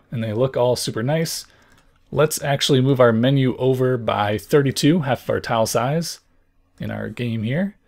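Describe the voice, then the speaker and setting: A young man with a hoarse, worn voice, hosting a casual programming tutorial and thinking out loud as he explains. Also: medium pitch. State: hoarse from lost voice.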